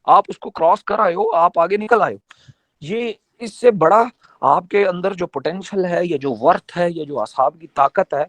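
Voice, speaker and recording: A man's voice: high-pitched, a bit bright, no echo. A man giving a motivational training talk to his team, teaching in a conversational, emphatic way with many rhetorical questions. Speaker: network marketing trainer.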